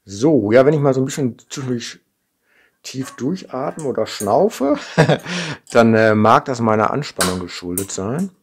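A middle-aged model kit maker from the Ruhr area, with a Ruhr German accent, chats and thinks aloud while demonstrating a kit assembly at his indoor workbench, often ending sentences with a questioning "ne?". His mid-range voice is sing-song and slightly rough, at a measured pace. This unscripted hands-on build is recorded on a camera mic over the tabletop, with his hands in frame.

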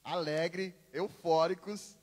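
A man with a Brazilian Portuguese accent hosting a live stream, excitedly reading out viewer comments. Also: fairly high pitch, slow pace, long reverb tail.

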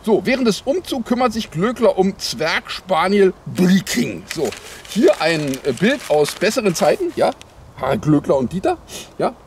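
High-pitched, animated male parody news anchor. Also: normal speed, slight background noise. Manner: mock-naive, sarcastic, rambling with repeated "ja". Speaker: host of a satirical news show. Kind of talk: parody news anchor, improvised satirical headline commentary. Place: outdoors in the cold.

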